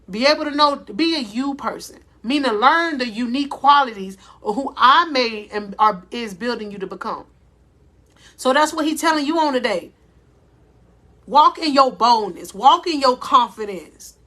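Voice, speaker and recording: With a high-pitched voice that she herself calls loud, a female life coach gives a motivational, faith-based talk. She speaks with deliberate slowness and calls her audience "y'all".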